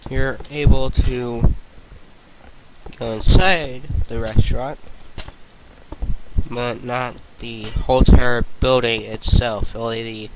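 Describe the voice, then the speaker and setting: A man giving casual, rambling commentary while playing a building game, halting often with fillers and restarts. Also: medium pitch, steady tone, very noisy. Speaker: gaming channel host.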